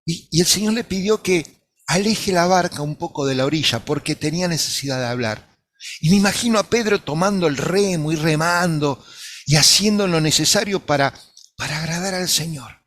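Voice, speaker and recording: A man's voice: fairly high pitch, moderate pace, a bit bright. A man preacher giving a sermon, retelling a scene with earnest, imaginative storytelling.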